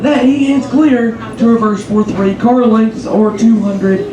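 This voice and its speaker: A man's voice: sits high, unhurried. A man working as tour guide and trainman, addressing passengers in a projected, ceremonious announcer's delivery. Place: aboard a train carriage. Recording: echoey, loud train noise.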